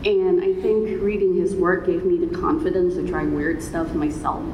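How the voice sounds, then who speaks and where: A woman's voice: lowish voice, moderate pace. A woman speaking on a panel as a writer, chatting casually and with energy about what shaped her work. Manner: casual and animated. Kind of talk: panel discussion answer. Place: hotel meeting room with audience. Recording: echoey hall, background noise.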